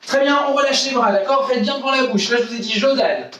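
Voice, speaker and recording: Male karate instructor leading children through drills, high voice, heard from off-mic in a very echoey room with faint noise. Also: quick pace, distant mic. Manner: counts out exercises, repeats "d'accord?". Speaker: karate teacher. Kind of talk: online kids' karate class.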